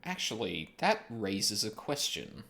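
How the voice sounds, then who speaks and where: A man's voice: fairly low pitch, very animated, takes it slowly, gravelly, sharp tone. A man giving casual commentary as he plays a video game. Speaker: gamer, let's player.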